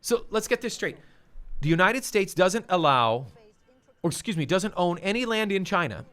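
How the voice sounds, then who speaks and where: Emphatic, bright-voiced male commentary host. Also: high voice, animated, moderate pace. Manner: emphatic, indignant, punchy repetition. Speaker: show host. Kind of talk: opinion commentary.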